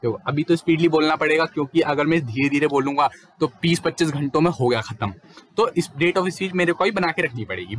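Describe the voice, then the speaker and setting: A young man giving a casual, fluent lecture as a teacher, explaining quickly and mixing in English terms. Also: on the high side, a bit bright, a little hiss or hum.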